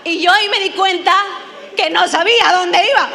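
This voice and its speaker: A woman's voice: extremely high pitch, a little fast, gravelly, a crowd in the background, noisy background. A woman from Mexico, preaching a sermon and telling a funny personal story, acting out her own lines with animation.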